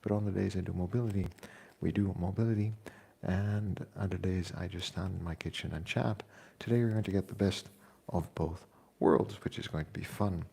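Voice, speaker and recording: A man in his forties, a fitness vlogger talking in a casual, unhurried way from his kitchen, pausing often with fillers. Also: deep voice, fairly even intonation, creaky, warm tone, breathy edge. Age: 40s. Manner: unhurried, reflective, pauses with fillers. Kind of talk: casual chat. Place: home kitchen.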